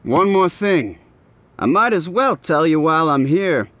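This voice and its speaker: An actor playing a dry, teasing detective with a dogged edge. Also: male voice, on the high side, sing-song, a little slow, fairly bright tone, a little hiss or hum. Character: wry, dogged male detective hunting a killer. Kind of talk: video game voice acting.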